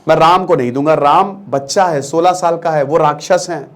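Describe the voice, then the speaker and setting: A man voicing an aging male king who begs to keep his son, speaking softly in a halting, pleading way. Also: fairly high pitch, steady tone, lightly acted. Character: aging male king begging, loving father.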